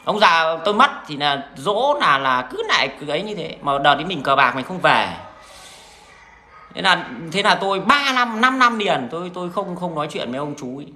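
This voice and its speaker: A man's voice: a little high, sing-song, moderate pace, pushed and bright, slight background noise. A man with a Northern Vietnamese accent, talking to his viewers in a blunt, crude, rambling monologue full of restarts. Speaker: vlogger addressing viewers.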